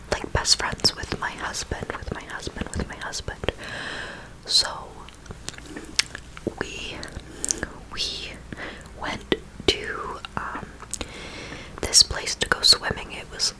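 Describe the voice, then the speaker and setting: A woman speaking in a soft, breathy ASMR whisper, telling a rambling personal story and slowly repeating words and phrases. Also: rough recording. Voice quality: whispery, mostly unvoiced, with creaky edges. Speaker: ASMR video host.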